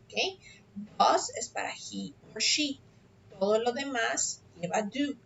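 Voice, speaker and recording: A woman teaching an online English class, explaining an assignment patiently and often checking understanding with a quick "ok?". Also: fairly high pitch, animated, creaky, fairly bright tone, a little hiss or hum. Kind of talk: explaining an assignment on a video call. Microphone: computer mic on a video call. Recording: dull lo-fi video call audio.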